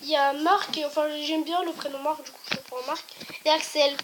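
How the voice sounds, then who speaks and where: High-voiced woman rambling through jokes. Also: steady tone, fairly quick, noisy background. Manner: rambling and hesitant, with many restarts and apologies. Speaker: joke teller. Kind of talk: casual joke telling to camera.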